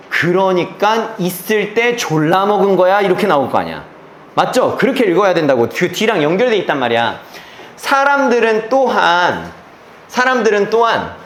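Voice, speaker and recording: With a high-pitched, slightly bright voice and a little hiss or hum in the audio, a male English teacher takes his class through an exam passage. Rhetorical questions and blunt slang keep coming, set in a roomy echo with faint ambience.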